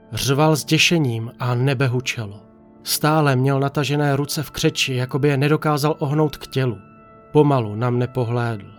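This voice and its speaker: Calm man narrating a horror story. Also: mid-range voice. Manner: calm, measured first-person telling. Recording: narration over faint music.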